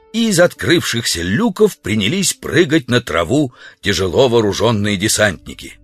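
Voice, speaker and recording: A man narrating a children's audiobook with expressive delivery. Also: on the low side, no room sound. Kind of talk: storybook narration.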